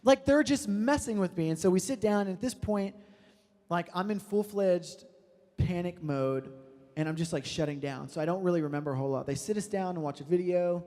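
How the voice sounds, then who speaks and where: High-voiced young man telling a sermon story. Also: brisk, warm tone. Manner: casual, joking, many fillers. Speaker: speaker at a youth prayer service. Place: church hall. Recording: long reverb of a hall.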